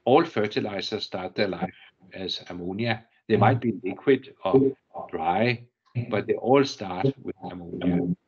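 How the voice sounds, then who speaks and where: An older man from Denmark with a Danish accent, giving a technical lecture in a measured, halting way, often restarting and repeating words. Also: lowish voice, husky, dull audio. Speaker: guest lecturer. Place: university lecture room.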